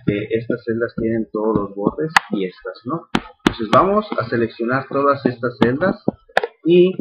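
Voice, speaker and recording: A man's voice: medium pitch, very noisy. Patient male teacher, slightly dull recording. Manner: patient, repeats steps, checks in with "ok". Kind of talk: screen-recorded spreadsheet tutorial.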